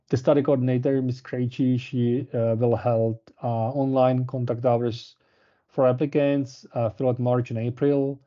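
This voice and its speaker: In muffled, lo-fi webinar audio, a man with a dark, mid-range voice presents a university programme. He speaks hesitantly, filling gaps with fillers and frequently restarting his sentences.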